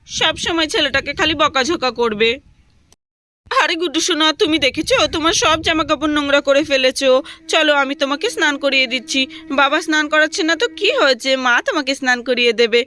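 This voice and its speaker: A woman voicing a scolding young village wife and mother in a doll story, sharp and nagging. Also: high-pitched, fast talker.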